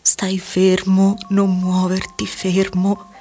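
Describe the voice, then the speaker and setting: A woman voicing a gentle middle-aged father who speaks softly and with steady calm. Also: mid-range voice, normal speed, faint music behind, lightly acted. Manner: soft, steady, unnaturally calm.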